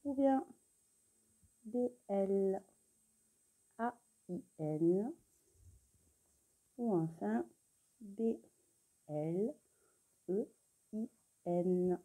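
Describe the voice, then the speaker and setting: Slow, gentle woman teaching young children. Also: medium pitch. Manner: slow, clear dictation, spelling letters one by one; encouraging, addressing the child directly. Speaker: primary school teacher. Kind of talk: remote spelling lesson for young children.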